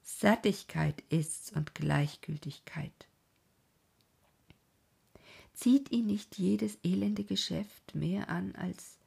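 Husky, whispery woman reading a classic. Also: mid-range voice. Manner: soft, often sinks into a breathy whisper; slow, earnest, dramatic phrasing. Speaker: audiobook narrator. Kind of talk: literary reading of a classic novel.

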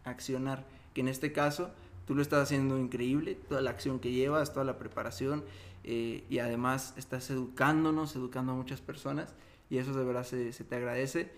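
A man's voice: mid-range voice, fairly even intonation, fairly quick. A man co-hosting a casual podcast, speaking earnestly with frequent rambling restarts. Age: 30s. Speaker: podcast co-host.

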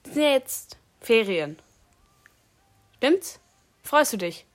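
A woman casually hosting a challenge, speaking deliberately to someone wearing headphones and repeating her questions and key words. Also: a little high, big pitch swings. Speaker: host.

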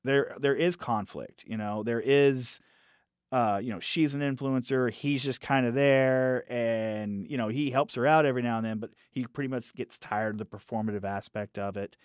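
A man talks through a film review with a middle-pitched voice, animated and restarting his phrases as he thinks aloud. The sound is dry and close to the mic, with no room echo. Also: normal speed, clear, resonant tone. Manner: animated, acts out quoted characters in raised voices. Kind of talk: casual podcast film review.

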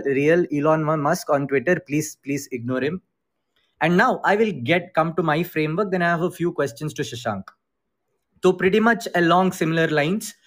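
Casual Indian-accented man hosting a group call. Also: on the high side. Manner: informal, mixes Hindi phrases into English. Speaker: host of an online group call on crypto investing.

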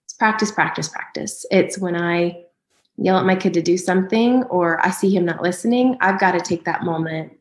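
A woman's voice: lowish voice, normal speed, a little hiss or hum. Woman, parenting advice, practical, conversational, echoey room. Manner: practical, frequent "um" and "right?". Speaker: parenting guest speaker.

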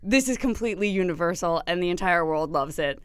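Clear-voiced woman chatting as podcast co-host. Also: on the low side, lively intonation, fairly quick. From Massachusetts, USA. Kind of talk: casual comedic chat.

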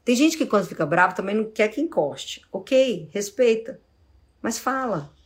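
Speaking at a normal speed with medium pitch, this middle-aged Brazilian-accented woman is a psychologist fielding questions live from her audience. She stays relaxed and explanatory, performing short samples of what one might say.

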